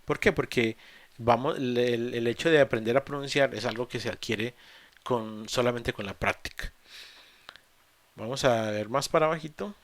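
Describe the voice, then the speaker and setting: A man's voice: medium pitch, a bit bright, no room sound. A man teaching English grammar in an online class, explaining rules step by step in a patient way with frequent fillers and restarts. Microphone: computer mic in a video call.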